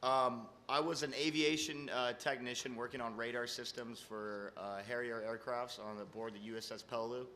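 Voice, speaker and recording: Hesitant young man with a bright voice. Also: medium pitch, steady tone, moderate pace, few pauses, slight background noise. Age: 20s. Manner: hesitant, many fillers. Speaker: panelist. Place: conference hall.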